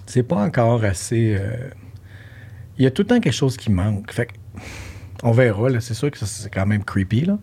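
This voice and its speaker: A man's voice: mid-range voice, normal speed, gravelly, slightly rough. A middle-aged man with a Québécois French accent, hosting a casual interview and acting out quotes in playful voices. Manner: animated, acts out quotes in funny voices. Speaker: podcast host.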